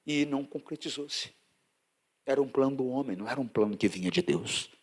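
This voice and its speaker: A pastor from Brazil preaching a sermon and sharing his testimony, emphatic and swinging from loud to hushed. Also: mid-range voice, lively intonation, a little fast, breathy edge.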